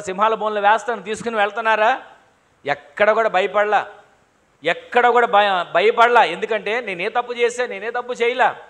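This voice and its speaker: A male pastor preaches with fervour, piling up repeated phrases and rhetorical questions. His voice sits high and rings bright and forward. He keeps urging the congregation to answer amen. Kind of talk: Telugu sermon to a congregation. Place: church hall.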